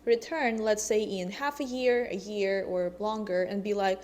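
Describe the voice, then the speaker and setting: A woman's voice: mid-range voice, fairly even intonation, unhurried, darkish tone. Chatty young woman. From Russia. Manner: chatty, with frequent hesitations and ums. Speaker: vlogger. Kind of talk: casual chat to camera.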